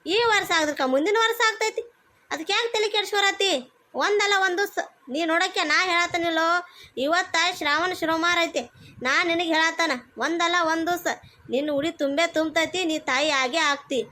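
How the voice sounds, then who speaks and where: A kindly elder neighbor from a cartoon, voiced by a woman, firmly reassuring in a North Karnataka accent. Her voice is very high, bright and forceful. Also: fairly even intonation, a little fast. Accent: North Karnataka Kannada. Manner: reassuring, firm. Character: consoling elder neighbor woman, firm and kind.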